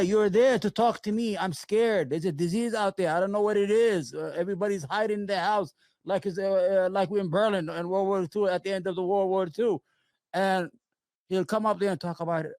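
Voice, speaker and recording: A man's voice: high-pitched, no echo. A man from Brooklyn, hosting a political interview and talking in an emphatic, rambling way with many restarts. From Brooklyn, New York. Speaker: show host.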